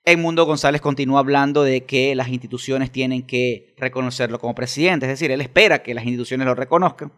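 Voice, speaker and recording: A man's voice: mid-range voice, fast, few pauses, a bit bright. A Venezuelan man with a Venezuelan accent, a guest in an interview who argues emphatically and fires off rhetorical questions. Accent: Venezuelan Spanish. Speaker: interview guest, political activist. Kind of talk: casual interview talk.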